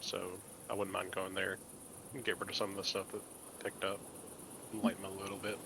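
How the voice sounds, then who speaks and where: A man playing a tabletop game in character, quiet and measured. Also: sits low, little pitch movement, gravelly, noisy background. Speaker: player.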